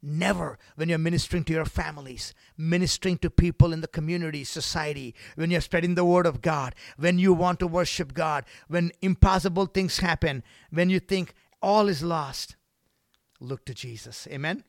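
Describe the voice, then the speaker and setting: A man preaching a sermon in a church, swinging between loud exclamations and soft whispered passages. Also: a little high, moderate pace, creaky, no room sound. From Canada. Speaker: guest preacher.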